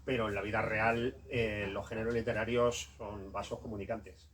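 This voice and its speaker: Man, measured debate talk, far from the mic. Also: lowish voice, little pitch movement, noisy background. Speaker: panelist. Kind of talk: panel debate. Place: bookstore event.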